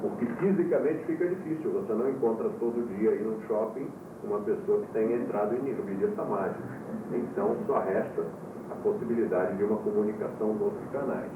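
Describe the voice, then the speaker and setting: A man who is a yoga teacher lectures to his students, explaining calmly and jumping up in pitch when he stresses a point, heard from an old VHS tape. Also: brisk. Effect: old VHS tape recording. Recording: tinny, roomy, distant, hissy old VHS tape.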